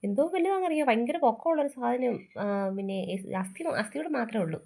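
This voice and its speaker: Doting gossipy grandmother, cartoon, chattering, fast, high. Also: lively intonation, creaky, warm tone. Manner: chatty, fussing.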